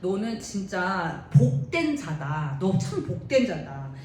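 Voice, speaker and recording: A woman plays Jesus in a retold Bible story: a calm, kind male teacher who speaks slowly and gently. Her lively voice rises and falls. A roomy echo and a faint rumble sit under it. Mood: tender.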